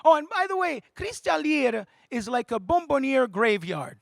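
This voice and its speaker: A man doing stand-up comedy, animated and quick to switch voices. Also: very high-pitched, creaky, dry recording, studio quality. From Montreal, Canada. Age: 40s. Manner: animated, jumps between voices and languages. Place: theatre studio.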